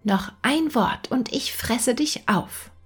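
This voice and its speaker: A woman's voice: a little high, animated, slow pace, husky, soft background music, pitched above the performer's own voice, exaggerated voice. A woman voicing a greedy, sly female cat in a fairy-tale reading, speaking in a smug, often half-whispered way. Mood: threatening. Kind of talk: storybook reading.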